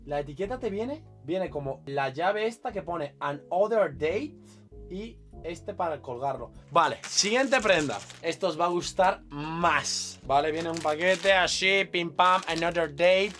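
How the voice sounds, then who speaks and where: An excitable young man with a Spain Spanish accent, unboxing clothes in a casual vlog. His voice sits high and swoops widely, full of slang and sudden bursts of enthusiasm. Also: unhurried, faint music behind. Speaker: fashion unboxing youtuber.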